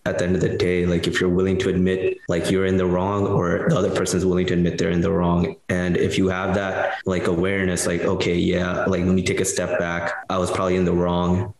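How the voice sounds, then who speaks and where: Man, deep gravelly co-host, blunt, echoey room recording. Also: little pitch movement, fast talker, hardly any pauses. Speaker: podcast co-host. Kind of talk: casual chat.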